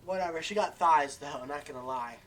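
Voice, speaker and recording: A woman co-hosting a comedic fan fiction reading, reacting with loud, profane disbelief. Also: low voice, brisk.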